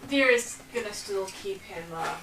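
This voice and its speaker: A woman playing a tabletop game, joking in a playful, deadpan way. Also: medium pitch, moderate pace, reverberant, far from the mic, very noisy. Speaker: player.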